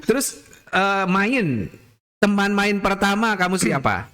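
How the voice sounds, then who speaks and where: A man's voice: high voice, very animated, slow, a bit bright. A man hosting a podcast, asking curious questions in a chatty way with many short backchannels. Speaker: podcast host. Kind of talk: casual podcast interview.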